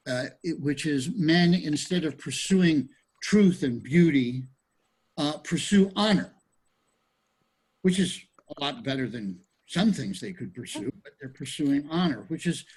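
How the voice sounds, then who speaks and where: A man's voice: mid-range voice, husky, rough recording. A man leading a casual study group discussion on a video call, rambling with many restarts and fillers.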